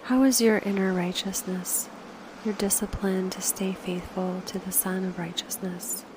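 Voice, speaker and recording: A woman leads a slow guided meditation, speaking softly and unhurriedly in short, pause-filled phrases and often posing reflective questions. Her mid-range voice shows little pitch movement, with a noisy background behind her.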